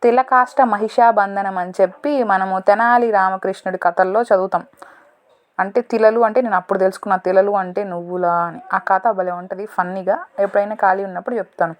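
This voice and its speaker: A woman solving a word puzzle in a casual lesson, thinking aloud, slow and deliberate, correcting herself as she goes. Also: mid-range voice, steady tone. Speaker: teacher solving a crossword.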